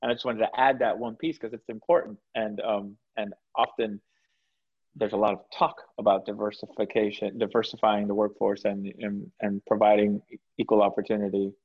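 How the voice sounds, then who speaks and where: A man from South Florida talks frankly on a panel about tech hiring, his low voice a little husky. He speaks over a video call, and the audio comes through dull and lo-fi. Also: level tone, moderate pace. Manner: frank, conversational, laughs easily. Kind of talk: panel discussion.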